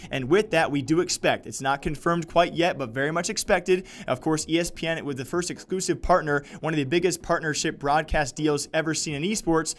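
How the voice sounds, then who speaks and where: A young man with a somewhat high voice delivers solo esports commentary. He sounds earnest and presses hard on his points while speaking straight to his viewers. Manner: earnest, emphatic, addresses viewers as "you guys". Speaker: host of an esports channel.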